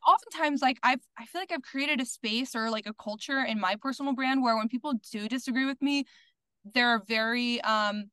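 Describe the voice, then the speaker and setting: A woman with a fairly high, slightly bright voice speaks at a normal pace, her tone clean and free of room sound. She's a content creator guesting on a podcast, chatting casually and candidly, outspoken, with lots of "like" and the occasional swear word.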